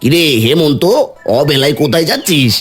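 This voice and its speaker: A man's voice: fairly high pitch, fairly quick, husky, soft background music. A man voicing a smug, scheming, jealous village husband in a cartoon, teasing and bossy.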